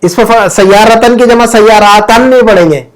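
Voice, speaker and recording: A man's voice: high-pitched, moderate pace. A man teaching an Arabic grammar class from home, patiently drilling word endings and quizzing his students.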